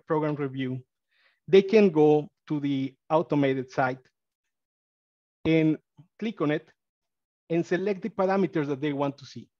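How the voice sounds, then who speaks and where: A Mexican man with a Spanish accent presents college data in a webinar with screen share, speaking haltingly with frequent fillers and restarts and getting excited at times. His voice is a little high, with no echo, picked up by a computer mic on a video call that sounds dry and slightly dull.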